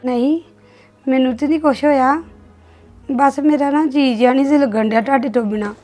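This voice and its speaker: A woman's voice: sits high, fairly even intonation, a little fast, a little mellow, faint music behind, close to an everyday voice. A young woman with a Punjabi accent acting a tearful, pleading young wife. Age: young adult.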